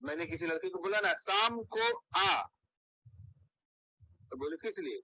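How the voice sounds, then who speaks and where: A man's voice: sits high, wildly swooping pitch, a little slow, vocal fry, bright, forceful tone, no echo, poor audio. A man with a Bihari Hindi accent, teaching a mnemonic lesson full of playful puns and repeated words.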